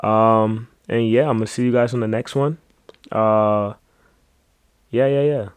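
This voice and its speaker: A man's voice: on the low side, steady tone, a little slow, smooth, no room sound. A man hosting his own podcast, talking alone in a loose, rambling way with many fillers and asides. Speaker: podcast host. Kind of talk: casual solo podcast monologue.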